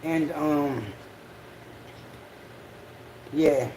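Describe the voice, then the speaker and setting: A person with a Southern US accent chatting casually on a livestream in an unhurried, slangy, profane way. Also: medium pitch, fairly even intonation, warm tone, slight background noise, poor audio. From Southern United States. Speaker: livestream host.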